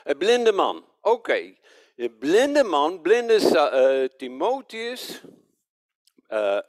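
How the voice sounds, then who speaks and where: A man's voice: on the high side, drawn-out words, dry recording. A man preaching a sermon, asking his listeners rhetorical questions and correcting himself as he goes. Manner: animated, rhetorical questions to the congregation; stumbles over names, self-corrects.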